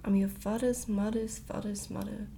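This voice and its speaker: A woman voicing a kindly, mysterious old grandmother queen, calm and half-whispered, in a storybook reading. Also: medium pitch, moderate pace, gravelly, slight background noise, natural voice. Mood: patient. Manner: calm, patient, gently cryptic. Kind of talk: hushed ASMR storybook reading.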